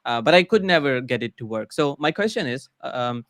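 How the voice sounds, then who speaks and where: A man's voice: medium pitch, expressive, a little fast, fairly bright tone, no echo, studio quality. A man hosting an interview, sharing his own experience and asking long, curious questions. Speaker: host. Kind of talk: conversational interview.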